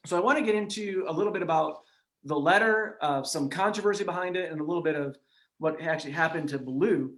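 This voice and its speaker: A man's voice: a little high, a bit bright. Easygoing man reading an old letter. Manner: easygoing, with filler "uh"s and laughs, reads slowly and earnestly. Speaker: historian podcast host. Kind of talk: casual chat and reading a historic letter aloud.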